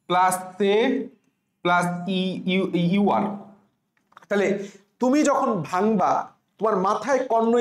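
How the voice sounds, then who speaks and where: A man teaching an exam prep spelling lesson, spelling words letter by letter and having students repeat after him. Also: high voice. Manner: repetitive, drills letters, asks students to repeat. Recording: roomy echo.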